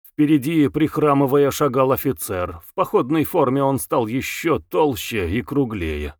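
A man's voice: medium pitch, big pitch swings, measured pace, no echo. Man reading an audiobook, dry close sound. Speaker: narrator. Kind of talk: audiobook narration.

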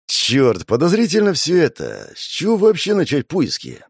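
A man's voice: on the high side, wildly swooping pitch, normal speed, slightly rough, no echo, clean studio sound. A man narrating a first-person fantasy audiobook in a sardonic, crude, wry way.

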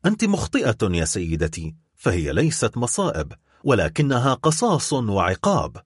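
A man's voice: mid-range voice, wildly swooping pitch, normal speed, slightly rough, dry recording, clean studio sound. A man voicing a cold, vengeful middle-aged nobleman who speaks with harsh, biting sarcasm in an audiobook reading. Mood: cold bitter.

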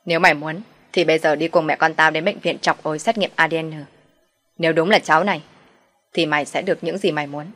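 Woman voicing a domineering older mother-in-law, loud and scolding. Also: deep voice, fairly even intonation, a little fast, husky, soft background music. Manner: scolding, sharp, contemptuous.

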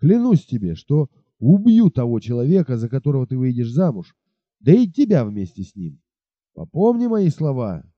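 A man voicing a jealous, threatening village woodsman in an audiobook, low and forceful. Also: sing-song, moderate pace, no echo, lo-fi sound, natural voice. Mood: menacing. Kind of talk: audiobook character voice.

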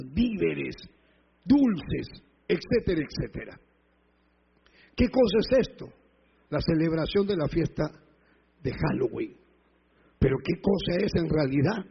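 A male pastor preaching a sermon with stories, rising to loud emphatic peaks. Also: a little high, gravelly, husky. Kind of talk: sermon with anecdotes. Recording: muffled lo-fi hall recording.

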